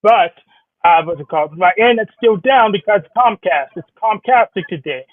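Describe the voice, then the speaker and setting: A man's voice: high voice, expressive, no room sound, phone-quality sound. A man chatting casually from his home office through a wireless earbud, heard on a thin, glitchy line, rambling and correcting himself as he goes. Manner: rambling, self-correcting, hurried. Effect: thin glitchy earbud mic sound. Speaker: co-host. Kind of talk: casual chat.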